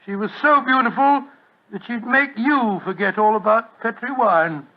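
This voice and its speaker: An older British doctor, high in pitch, genial and blustering. He talks like an avuncular, faintly stammering sidekick in a 1940s radio play, heard through dull broadcast sound. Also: normal speed. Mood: jovial. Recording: muffled old radio broadcast.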